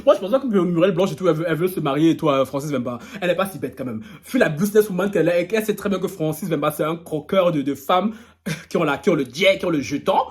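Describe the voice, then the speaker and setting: Male gossip vlogger, high-pitched, playful and teasing, reads posts aloud and mocks them. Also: quick pace. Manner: playful, teasing, laughs often. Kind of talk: casual gossip commentary.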